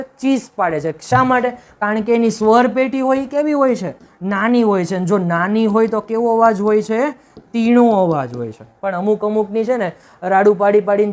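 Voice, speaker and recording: A male teacher gives a classroom-style video lesson. He keeps asking questions and answering them himself, and often checks with "right?". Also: high-pitched. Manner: repetitive, emphatic, checks with "right?".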